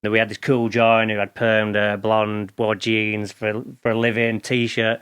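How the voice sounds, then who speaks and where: His delivery is completely flat, at a moderate pace, in a fairly low, smooth voice with a fairly bright tone. This Lancashire-accented Englishman in his forties, a podcast guest, rambles candidly through stories of his working life with frequent restarts in a casual interview.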